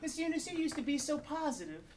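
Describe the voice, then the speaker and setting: A man's voice: very high voice, very animated, quick pace, a crowd in the background. Man playing an earnest, lovelorn carnival strongman. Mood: sentimental. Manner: earnest, melodramatic. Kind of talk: live improv comedy scene.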